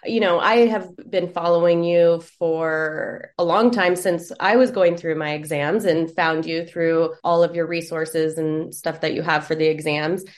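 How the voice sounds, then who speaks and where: An upbeat woman hosts a casual podcast interview, her voice sitting a little low for a woman. She talks in quick, chatty bursts. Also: fairly even intonation. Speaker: podcast host.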